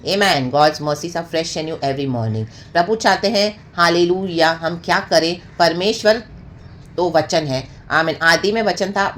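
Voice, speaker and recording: A woman's voice: sits low, slight background noise. A woman preacher giving a sermon, peppering it with amen and hallelujah and slipping into English phrases.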